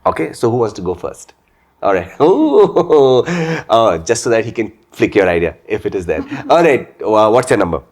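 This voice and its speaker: Indian male host with lively pitch. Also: moderate pace. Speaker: podcast host. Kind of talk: casual interview.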